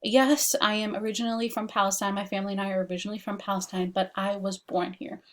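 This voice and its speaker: This young woman from Washington DC, United States, talks through an assignment for class in a chatty, casual recording made on a laptop webcam mic, peppered with "like" and "um". Her medium-pitched voice moves quickly with little variation in pitch.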